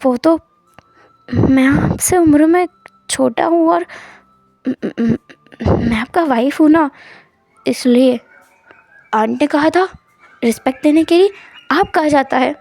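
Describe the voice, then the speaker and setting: A woman's voice: high-pitched, slow, creaky, pauses often, a little mellow, no room sound, heavily acted. A woman voicing a shy stammering young man. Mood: timid. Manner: stammering, hesitant. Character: shy stammering young male bride, timid omega.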